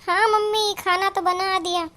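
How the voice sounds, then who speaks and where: A woman's voice: very high voice, level tone, normal speed, pushed and bright. A woman voicing an unhappy young married woman in a cartoon, complaining emphatically about her in-laws. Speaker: daughter. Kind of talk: cartoon voice acting.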